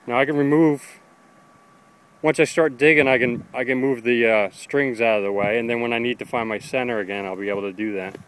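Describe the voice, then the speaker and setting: His mid-range voice is brisk and smooth with fairly even intonation, though the recording is rough. He's a ham radio hobbyist making a DIY video, talking plainly with fillers through each step of a backyard project while digging leaves him tired and winded at times.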